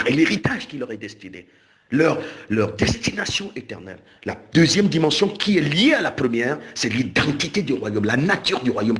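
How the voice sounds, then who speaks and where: Lively preacher man. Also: mid-range voice. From Cameroon. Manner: animated, repeats and restarts words, stretches of slow emphasis. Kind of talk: recorded sermon.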